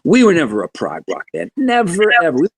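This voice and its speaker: A man in his seventies, a guest musician telling stories in a podcast interview in an animated, joking way. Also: fast talker, breathy edge. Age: 70s. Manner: animated, joking, wide swings in pitch.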